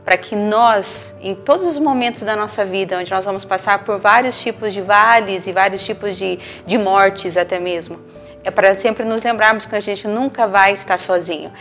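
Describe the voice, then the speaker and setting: A Brazilian woman preaching with a gentle, reflective voice at a middle pitch. Soft music plays underneath her words. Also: moderate pace. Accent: Brazilian Portuguese. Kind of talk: sermon.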